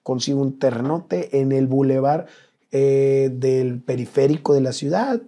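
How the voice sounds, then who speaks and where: A man from Mexico, an interview guest telling an emotional personal story in an earnest, slangy way, dropping to a hush at painful moments. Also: mid-range voice, unhurried.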